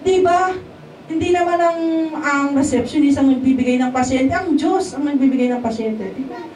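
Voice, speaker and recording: High-voiced woman testifying in an echoey hall. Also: moderate pace, a little mellow. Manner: keeps checking in with the congregation. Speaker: lay church speaker giving testimony. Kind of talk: testimony sermon in a casual, conversational way. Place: church hall at a worship service. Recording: echoey hall, voice picked up from a distance, faint background noise.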